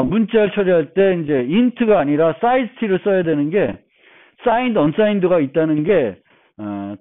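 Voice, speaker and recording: Guy teaching a coding class, kinda high voice that jumps around a lot, lots of um and uh, tinny audio. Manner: explanatory, rambling with fillers and restarts. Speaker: university lecturer. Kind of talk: recorded programming lecture. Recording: narrow phone-like audio.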